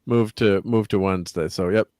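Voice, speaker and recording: A man hosting a casual live-stream chat in a relaxed, filler-heavy way. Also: on the low side, moderate pace, dry recording, studio quality. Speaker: host.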